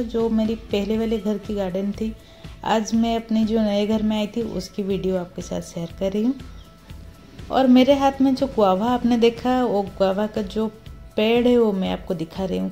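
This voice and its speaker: Warm and medium-pitched, this woman's voice belongs to a gardening vlogger who gives a relaxed tour of her home garden. She films her plants on her phone outside and chats without hurry.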